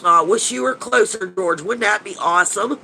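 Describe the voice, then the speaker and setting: A man in his fifties, a paranormal investigator running a live chat, chats casually with viewers at normal speed. His tone is bright and pressed forward, slightly high for a man, nasal and stuffy, with vocal fry. Faint hiss lies beneath his gushing, rambling talk, full of restarts and casual cursing.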